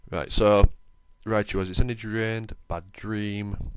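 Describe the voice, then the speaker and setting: A young man talks through his game in a relaxed, self-deprecating way, as the host of his own channel. His voice sits very low, and the sound is close and dry with no room to it. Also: measured pace, smooth, no echo. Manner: chatty, self-deprecating, lightly excitable. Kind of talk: casual game commentary voice-over.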